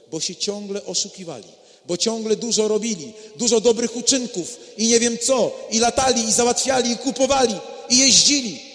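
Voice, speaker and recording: A man giving an impassioned retreat sermon, acting out dialogue and swinging from hushed tones to shouting. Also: high voice, in a large hall. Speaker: priest leading a retreat. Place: large church.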